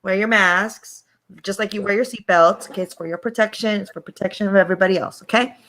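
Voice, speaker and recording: A woman hosting a relaxed conversation over a video call, at a middle pitch for a woman. She speaks in an encouraging, emphatic way, stressing her points and checking in with her listener. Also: fast, a little hiss or hum. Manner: encouraging, emphatic, tags questions with "okay?". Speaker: host. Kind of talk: casual chat.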